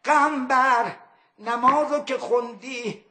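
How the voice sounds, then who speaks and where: Man doing revered holy man, calm, commanding, echoey room. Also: very high-pitched.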